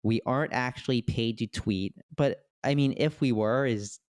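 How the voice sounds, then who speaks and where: A man co-hosting a casual podcast, talking in an animated way with quick asides and restarts. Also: medium pitch, no room sound, studio quality. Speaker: podcast co-host.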